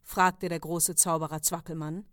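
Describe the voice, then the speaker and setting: A woman reading stories aloud in a calm, even narrating manner. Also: low voice, normal speed, dry recording, studio quality. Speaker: reader. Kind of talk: audiobook reading.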